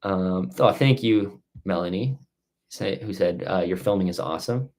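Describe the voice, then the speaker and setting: A man's voice: sits low, normal speed, darkish tone. A man hosting a casual outdoor live-stream Q&A, reading out questions and giving rambling, stop-start answers.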